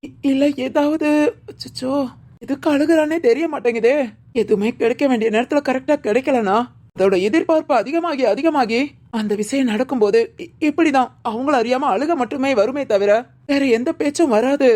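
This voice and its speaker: Woman playing a high-voiced, teasing family aunt. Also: normal speed, darkish tone. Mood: puzzled. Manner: scolding, teasing and explaining. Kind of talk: village family drama acting.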